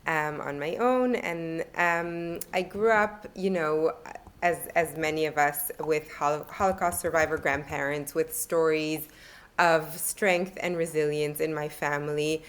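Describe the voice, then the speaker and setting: Low-voiced woman telling family stories. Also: fairly even intonation, measured pace. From Italy. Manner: reflective storytelling with frequent ums. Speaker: author guest. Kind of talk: podcast interview.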